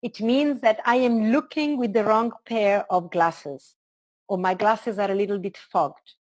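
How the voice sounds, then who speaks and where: Measured and a little mellow, this medium-pitched, mid-register voice belongs to an Italian woman being interviewed about her spiritual teaching. She speaks with an Italian accent, earnestly unfolding each idea one phrase at a time.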